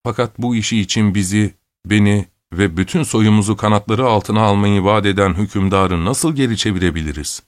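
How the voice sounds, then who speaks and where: A cautious, dutiful noble father, voiced by a male reader, low-voiced and slow to commit. The delivery is measured and the recording dry and close. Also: no room sound, close to an everyday voice. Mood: explaining. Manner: measured, hesitant.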